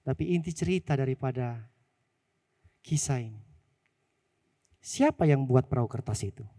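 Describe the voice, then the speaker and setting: A male pastor preaching a sermon and telling a story, animated and often asking the congregation questions. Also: medium pitch, moderate pace, dry recording, long reverb tail. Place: church hall.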